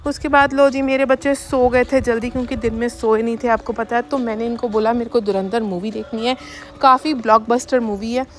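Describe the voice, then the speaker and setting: A young woman chatting fast in a family vlog voice-over, talking straight to her viewers. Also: fairly high pitch, little pitch movement. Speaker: family vlogger. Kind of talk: casual voice-over narration of daily life. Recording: voice-over with faint background music.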